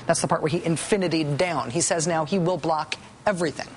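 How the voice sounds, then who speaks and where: A woman's voice: low voice, fairly quick, a little hiss or hum. A woman hosting a cable news show, delivering commentary in a sarcastic, mock-emotional way. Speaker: host.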